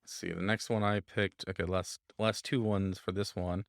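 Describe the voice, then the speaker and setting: Low-voiced man chatting on a podcast. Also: normal speed, gravelly, no room sound, studio quality. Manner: relaxed, chatty, with fillers and quoting lines. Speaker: podcast co-host. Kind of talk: casual chat about comics.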